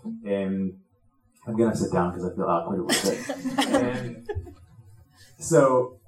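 A man from Tunisia asking a question from the audience, hesitant with many pauses and ums. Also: sits low, huge pitch swings, gravelly, echoey room, poor audio.

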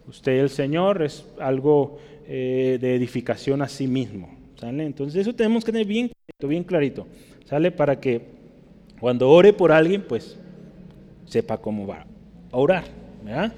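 A man's voice: medium pitch, lively intonation, moderate pace, warm tone. A man teaching a sermon as a pastor, explaining scripture in a didactic way and checking with his listeners through constant tag questions. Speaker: pastor teaching a Bible study. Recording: long hall reverb.

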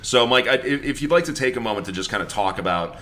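A man's voice: mid-range voice, expressive, quick pace, bright, forceful tone. A man hosting a podcast in casual, bantering talk. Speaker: podcast host.

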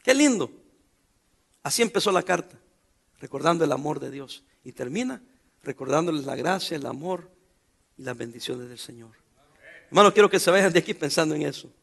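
A middle-aged pastor preaching a sermon in a joking, sarcastic, colloquial manner. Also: male voice, a little high, expressive, a little fast, creaky, long pauses, a bit bright, slightly rough.

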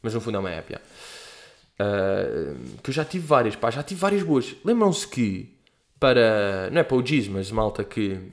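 Young man in his twenties, European Portuguese accent, podcast host at his home mic; lively pitch swings, loose and swear-heavy, mimics others mid-story. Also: moderate pace. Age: 20s. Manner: animated, slangy and profane, acts out quoted people. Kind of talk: casual solo podcast monologue. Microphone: podcast microphone.

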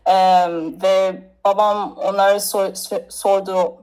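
A woman's voice: medium pitch, level tone, slow, a little mellow, poor audio. Hesitant woman from Nigeria chatting. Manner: hesitant, searching for words in non-native Turkish. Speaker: interview guest. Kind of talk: casual interview chat.

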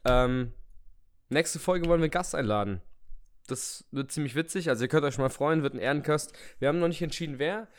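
A man's voice: on the high side, fairly quick, clear, resonant tone. A man co-hosting a casual comedy podcast, stuffed up with a head cold and joking in a mock-serious way. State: congested with a head cold, snotty runny nose. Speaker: podcast co-host.

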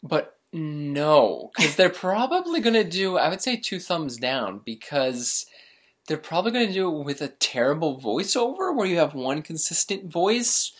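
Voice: mid-range voice, sing-song, unhurried, a bit bright, breathy edge. A podcast co-host bantering casually, wry and opinionated.

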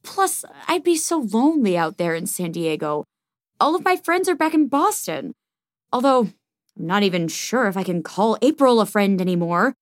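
A woman's voice: mid-range voice, sing-song, moderate pace, no room sound, studio quality, lightly acted. A woman playing an anxious, self-doubting young woman who rambles through her diary entry in a comedy audio drama.

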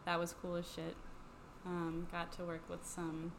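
A young woman co-hosting a casual podcast, chatty and rambling, a little hoarse from a cold and laughing often. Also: on the low side, completely flat delivery, measured pace, noisy background. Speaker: podcast co-host.

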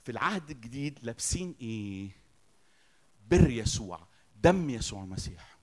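A man preaching in Egyptian-accented Arabic with a mid-range voice. He quizzes his listeners, then answers them himself. His delivery swings from booming emphasis down to near-hushed words. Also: very animated, moderate pace. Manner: emphatic, asks the audience questions and answers them; swings between loud declarations and soft, quiet lines. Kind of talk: sermon.

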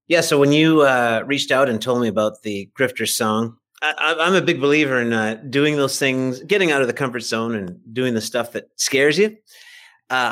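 With a mid-range, fairly bright voice, this man, middle-aged or older, is a fiction writer visiting a podcast. He chats informally, sharing stories and poking fun at himself.

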